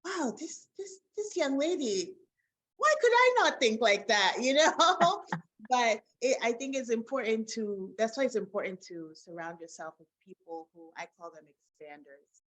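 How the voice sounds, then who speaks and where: A woman's voice: on the high side, lively intonation, measured pace, fairly bright tone. A woman hosting a podcast interview, speaking in an effusive, conversational way and laughing often. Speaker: podcast host.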